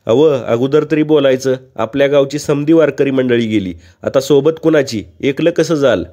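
A man voicing a sharp-tongued young village woman who scolds in a tart manner. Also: mid-range voice, moderate pace, natural voice. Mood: scolding.

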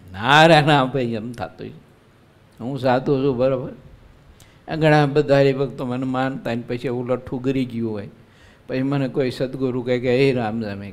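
A man who is a monk, giving a devotional sermon at a live religious gathering in a conversational way, often asking his listeners rhetorical questions. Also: mid-range voice. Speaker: monk preacher.

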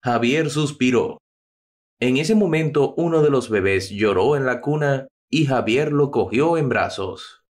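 A man narrating a dramatic story in a steady, scripted reading. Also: mid-range voice, a little slow.

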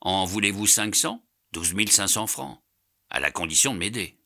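A man reading an audiobook, voicing a secretive police detective who speaks in a low, confiding, insistent way. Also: expressive, normal speed, vocal fry, sharp tone, exaggerated voice. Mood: persuasive.

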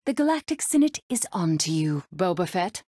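A woman voicing a brave, sardonic young rebel princess in a video game, with a crisp, resolute and dryly sarcastic manner. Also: lowish voice, very animated, moderate pace, warm tone, no room sound, clean studio sound. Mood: scornful.

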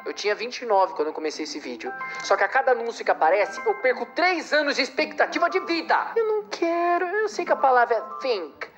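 A man's voice: very high voice, sing-song, a little fast, few pauses, music in the background. A man doing comedic gameplay commentary, ranting and mocking the ads that keep interrupting him. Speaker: game streamer.

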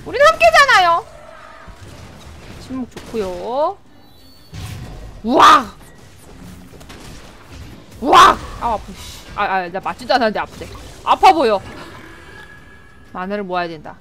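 A woman's voice: mid-range voice, a little slow, long pauses, music in the background. A woman streaming a game live, talking through her plays, yelping and laughing at hits and kills. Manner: excitable, yelps and laughs at plays. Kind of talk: live gameplay commentary.

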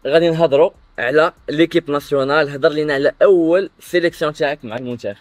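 A man's voice: on the high side, dry recording. A young adult man with a Moroccan accent, hosting a casual chat and mostly giving short nods of agreement. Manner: brief backchannels, quick asides. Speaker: host. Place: outdoor terrace on a sofa.

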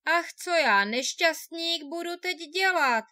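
A woman's voice: a little high, animated, sharp tone, no echo, clean studio sound. A woman reading a fairy tale, voicing a poor, hungry peasant man who laments and pleads humbly. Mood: lamenting.

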